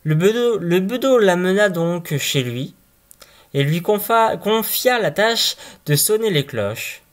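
A man reading a fairy tale aloud in a calm, measured storytelling voice. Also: high voice.

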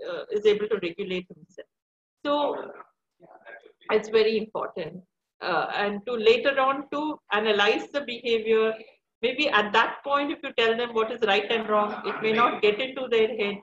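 A middle-aged woman with an Indian English accent, speaking calmly as an expert in a webinar for parents, explaining and repeating key points. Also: fairly high pitch. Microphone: video call. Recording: echoey, lo-fi video call audio.

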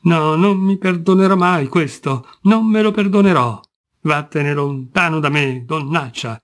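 Brief: male reader doing a distraught noble gentleman from a storybook, anguished and ashamed, voice pitched up. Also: takes it slowly. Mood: disgusted. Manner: anguished, exclaiming, voice rising high.

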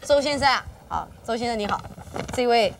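A woman's voice: on the high side, fairly quick, a little hiss or hum. A woman hosting a variety show, teasing her guests and narrating a comedy skit with lots of laughter. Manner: giggly, teasing, lively stage narration. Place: TV studio set. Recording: far from the mic, loud studio audience.

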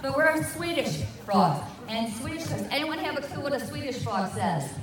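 A woman whose voice sits high leads children in a circle dance at an outdoor festival in a grassy park, speaking at a moderate pace. This folk dance leader gives playful, lively instructions to the crowd over a handheld mic. The distant, echoey recording, filmed from a distance, carries music and crowd noise.

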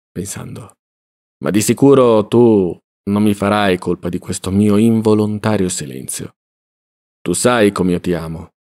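A man's voice: on the low side, mellow. A man voicing a loving, worried elderly mother whose letter he reads tenderly and earnestly.

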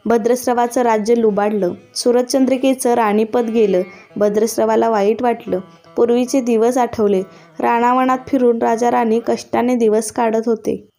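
A woman narrating a devotional tale in a steady, scripted storytelling voice. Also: a little high.

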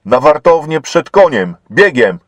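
A man's voice: a little high, big pitch swings, measured pace, no echo, pitched above the performer's own voice. A man doing a stern barking camp chief. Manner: barked curt orders.

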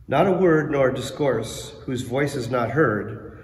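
A man reading the scripture and psalm at Mass as lector, with a steady, clear delivery in the long echo of a large church. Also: mid-range voice, unhurried. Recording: echoey church hall, faint ambience.

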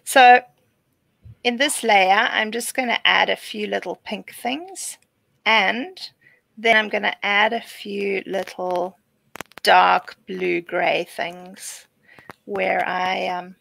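A woman, relaxed and explanatory, giving a live painting demo over a video call. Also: medium pitch, slow pace, creaky. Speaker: guest artist. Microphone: computer microphone on a video call.

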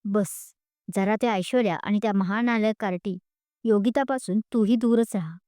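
A woman doing a worried young man, hushed. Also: moderate pace, no room sound, clean studio sound, lightly acted. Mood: anxious, pleading. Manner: pleading, low and hushed. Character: anxious upset young male student.

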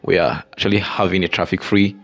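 A man's voice: sits low, steady tone, a little fast, gravelly, fairly bright tone, low-quality recording. A Nigerian man giving casual commentary while driving, pointing out sights along the road like a tour guide. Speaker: vlogger. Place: inside a moving car. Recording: road and car noise behind.

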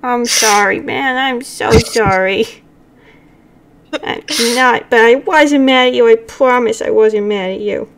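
A woman voicing a gentle, caring male pumpkin spirit patron in a tabletop role-play, with a soft, apologetic, reassuring way of talking. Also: a little high, slow, slight background noise.

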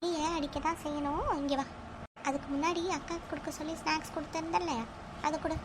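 A woman's voice: high-pitched, little pitch movement, fast, noisy background, close to an everyday voice. A woman voicing a strict mother in a cartoon who scolds her two daughters and settles their quarrels. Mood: scolding. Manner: scolding, stern.

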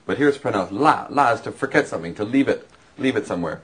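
A man's voice: lowish voice, expressive, rapid-fire, husky. A man teaching vocabulary and grammar in a lesson, explaining patiently with examples. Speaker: language teacher.

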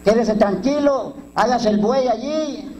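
A man's voice: extremely high pitch, unhurried, background noise. A man with a Mexican Spanish accent, a priest giving an informal talk to a twelve-step recovery group, blunt and coarse, full of slang, jokes and rhetorical questions.

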